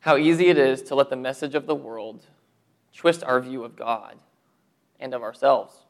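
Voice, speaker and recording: A man preaching a sermon to his church, earnest, with rhetorical questions and drops to a low voice for emphasis. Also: fairly even intonation, moderate pace. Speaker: pastor.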